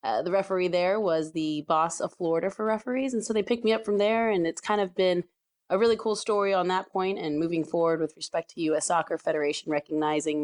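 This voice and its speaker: Guest spot: woman in her 30s, low-pitched, chatty and laughing, lots of fillers. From San Diego, California. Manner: chatty, laughs often, many fillers and restarts. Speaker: soccer referee guest. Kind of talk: casual podcast interview.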